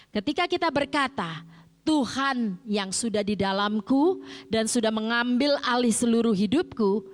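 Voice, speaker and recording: A middle-aged woman from Jakarta preaching a sermon in a chatty way, posing rhetorical questions and answering them herself. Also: medium pitch. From Indonesia, grew up in Jakarta. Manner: conversational, asks and answers her own rhetorical questions. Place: church sanctuary. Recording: long church-hall reverb.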